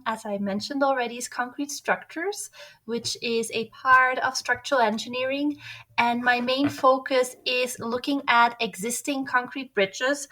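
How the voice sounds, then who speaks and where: A woman from Belgium, an engineering professor, answering interview questions in a clear, orderly way. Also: fairly high pitch, a bit bright.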